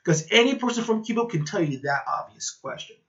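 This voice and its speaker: Heated high-voiced man ranting on a vlog. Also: lively intonation, a little fast. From Latin America. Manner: heated, indignant, rising to loud outbursts. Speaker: commentator. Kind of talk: ranting reaction commentary. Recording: dull lo-fi audio.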